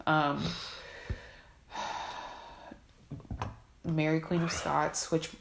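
A woman co-hosting a podcast, chatting casually in a fairly low voice. She tells stories in an animated way and slips into the voices of the people she quotes. The sound is roomy, with a noticeable echo. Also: very slow, gravelly. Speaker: podcast co-host. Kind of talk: casual chat.

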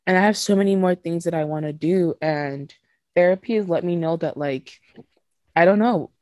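A woman's voice: fairly low pitch, normal speed, a little mellow, no room sound. A woman in her twenties, from Nigeria, talking frankly and emotionally as a podcast host, swearing casually and laughing between thoughts. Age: 20s. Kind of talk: candid podcast conversation.

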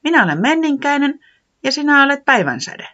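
A storyteller voicing a cheerful weather gnome who loves winter and dark days, in a children's storybook reading. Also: sits high, very animated, dull audio, voice pushed up, exaggerated voice. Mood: enthusiastic. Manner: eager, enthusiastic.

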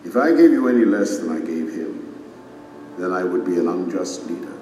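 An actor playing a majestic, stern king and divine judge in an audio drama, speaking in a solemn, deliberate, declamatory manner. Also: low voice, lively intonation, warm tone. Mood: commanding, grave. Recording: echoey reverberant hall, distant, music underneath. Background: dramatic music.

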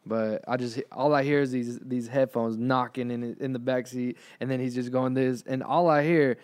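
A man's voice: mid-range voice, steady tone, normal speed, darkish tone. A young man hosting a podcast, telling a story in casual chat, laughing often and joking around. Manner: laughs often, sarcastic joker. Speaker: podcast host.

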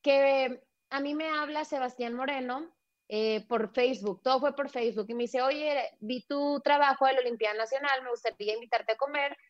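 A woman, a sports journalist, telling her story in a lively way over a remote call and acting out the people she quotes. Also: sits high, normal speed. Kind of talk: animated storytelling in a casual interview. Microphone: remote video call. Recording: dull lo-fi call audio.

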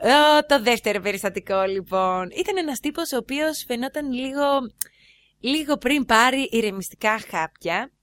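A woman vlogger chatting casually to her viewers, retelling stories in an animated way and turning often to address the audience. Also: fairly high pitch. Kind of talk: casual storytelling and advice to viewers.

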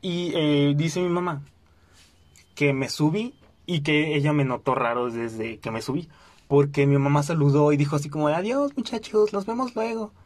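A young man with a Mexican Spanish accent, telling a funny personal story in a casual, animated way. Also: fairly high pitch, normal speed, no echo. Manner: animated, acts out quoted voices, frequent fillers. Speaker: podcast host.

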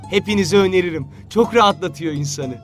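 A man's voice: sits high, brisk, faint music behind, pitched above the performer's own voice, close to an everyday voice. A man voicing a smug, mischievous young man who teases and mocks his friends. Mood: mocking. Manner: teasing and playful.

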